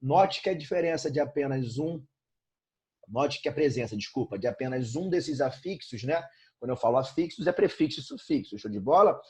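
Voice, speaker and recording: A man's voice: medium pitch, lively intonation, fairly quick, breathy edge. A Brazilian man teaching an informal online grammar lesson, repeating points and checking in with frequent tag questions. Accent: Brazilian Portuguese.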